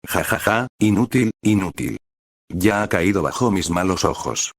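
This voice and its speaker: A man's voice: deep voice, expressive, a little slow, vocal fry, dry recording, clean studio sound, exaggerated voice. Man voicing a gloating terrorist leader. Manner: mocking, scornful laughter.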